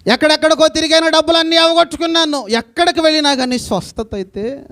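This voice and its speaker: A man's voice: extremely high pitch, fairly even intonation, fast, fairly bright tone, voice pushed up. A male preacher voicing a desperate woman who has been sick for twelve years, pleading in rhetorical questions. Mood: despairing.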